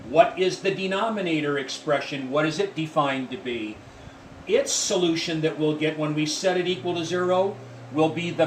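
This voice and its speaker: A man gives a math lecture in a deliberate, repetitive teaching manner, his voice somewhat high for a man. He sounds set back from the microphone in an echoey room, with a faint hiss of noise underneath. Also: distant mic. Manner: deliberate, repeats key points, addresses students as folks.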